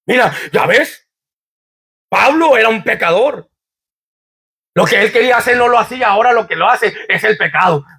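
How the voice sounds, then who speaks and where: Male pastor, very high and forceful voice, fervent church sermon. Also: expressive, normal speed, creaky, pauses often, breathy edge. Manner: preaching with fervor, quoting scripture, rhetorical questions.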